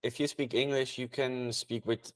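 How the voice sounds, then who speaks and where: Appearing as a guest on an interview podcast, a Swiss trader whose first language is Swiss German speaks English with that accent. His mid-range voice stays level at a moderate pace, and he talks in a plain, matter-of-fact way during the casual chat.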